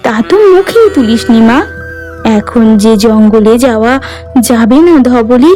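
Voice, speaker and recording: A woman's voice: on the high side, animated, a little slow, warm tone, faint music behind. A woman voicing a young village wife in a cartoon, anxious and pleading over her cow. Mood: worried tender. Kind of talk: cartoon voice acting.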